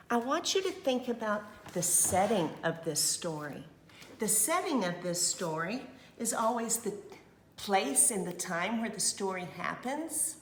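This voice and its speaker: This is a woman's voice on the lower side, with a slight hiss or hum in the recording. Reading a picture book as a school librarian, she sounds expressive and loving, with chatty, supportive asides aimed at young children.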